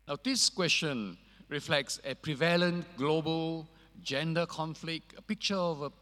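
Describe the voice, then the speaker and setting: A man giving a sermon as a preacher, measured and hesitant, putting rhetorical questions to the congregation in a large church with a long cathedral-like echo. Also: a little high, pushed and bright. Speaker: preacher leading an evening church service. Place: large reverberant church, speaking to a seated congregation.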